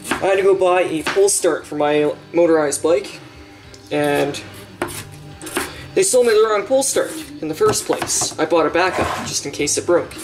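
A man's voice: a little high, moderate pace. Chatty young man rambling while cooking. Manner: rambling, chatty, with frequent fillers and mild swearing. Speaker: home cooking vlogger. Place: home kitchen, indoors. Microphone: handheld camera mic. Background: music playing in the kitchen.

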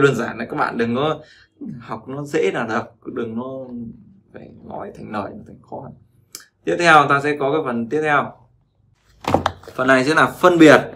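A man's voice: medium pitch, gravelly, fairly bright tone, a little hiss or hum. A man teaching Chinese pronunciation, repeating words after a recording and explaining them. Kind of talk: pronunciation lesson.

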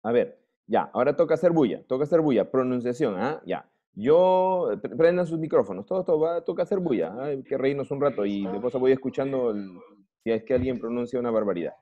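A man teaching an English class online in Peruvian Spanish, patient and drilling words slowly. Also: medium pitch, lively intonation, mellow, lo-fi sound.

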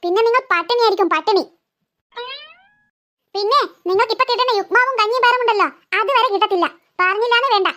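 A woman's voice: very high-pitched, fast, sharp tone. A woman voicing a put-upon cartoon mother who defensively rants about her chores. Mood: scolding. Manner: complaining, ranting lists of chores. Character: put-upon Malayali mother, defensive, long-winded scolder. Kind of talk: cartoon voice acting.

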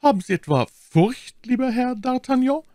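A man voicing a cold, scheming young noblewoman in a cutting, mocking high falsetto for a read-aloud novel. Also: huge pitch swings, fairly quick, warm tone, slightly rough, no echo, studio quality, exaggerated voice. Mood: cold, scornful.

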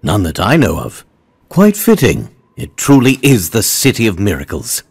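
An actor playing a thoughtful, composed gentleman professor in an animated game. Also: fairly low pitch, moderate pace, breathy edge, exaggerated voice.

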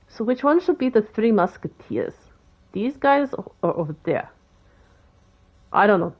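Casually walking viewers through gameplay, this game video creator chats and rambles in a mid-range voice with a Boston accent. The sound quality is lo-fi.

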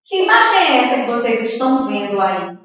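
A Brazilian schoolteacher, a woman with a fairly high voice, stretches out each word and claps through its syllables in a slow sing-song lesson for small children. She stands well back from the mic, and her voice rings around a bare, reverberant room. The recording has a dull, lo-fi edge. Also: sing-song, a bit bright. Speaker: first-grade teacher. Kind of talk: remote reading lesson for young children. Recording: echoey room, far from the mic, dull lo-fi sound.

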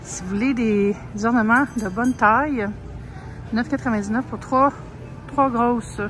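A woman's voice: fairly high pitch, measured pace, poor audio. A young woman with a Québécois French accent chatting casually as she films herself browsing a big grocery store on her phone. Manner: chatty, lots of fillers, soft asides. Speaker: vlogger. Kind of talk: casual shop-with-me narration. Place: large grocery store, indoors. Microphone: handheld phone camera. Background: faint store music.

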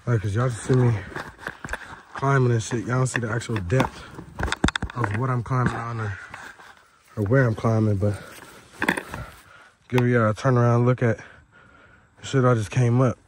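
A young man narrates his own snowy rock climb into a handheld phone camera. His talk is slangy and hyped, always aimed at the viewers. Outdoor noise and mic handling sit clearly under his voice. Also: medium pitch, steady tone, normal speed, pauses often. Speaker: vlogger filming himself. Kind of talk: casual vlog narration while climbing. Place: snowy rocky mountain trail outdoors.

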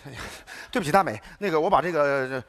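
A man's voice: high-pitched, huge pitch swings, fast talker, heavily acted. An actor playing an exasperated neighborhood man in a stage comedy sketch, with a Northeastern Mandarin accent, stammering and repeating himself. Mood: placating. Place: TV stage before a live audience. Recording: live stage with loud audience and noise.

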